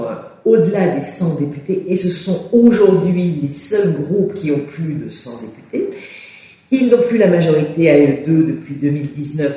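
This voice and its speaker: Interviewed as a political commentator, a man gives political analysis full of fillers and restarts. His medium-pitched voice has a warm tone, but the recording is echoey and distant from the mic.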